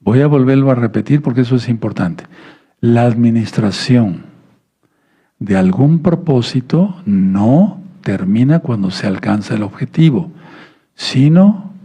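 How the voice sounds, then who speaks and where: A man delivers a sermon in a patient, teaching tone, his medium-pitched voice gravelly, a little husky and warmly dark. Expressive and unhurried, he often stammers and restarts words, repeatedly asking the audience "¿sí?" to check they follow.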